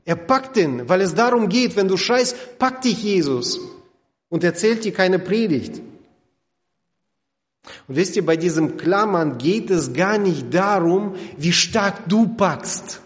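A man preaching a sermon in a lively storytelling way, acting out quotes and swinging between loud and soft. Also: sits high, slow pace. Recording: long hall reverb.

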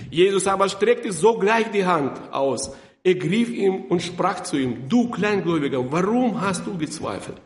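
High-voiced, slow-talking preacher in a hall. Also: male voice. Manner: emphatic, repeats words, stumbles. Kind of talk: sermon with Bible reading.

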